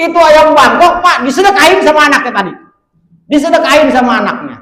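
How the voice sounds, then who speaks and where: Animated preacher man, echoey room. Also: very high voice, fairly quick. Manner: animated, shouts and voices characters in stories. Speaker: Islamic preacher. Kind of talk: sermon with acted storytelling.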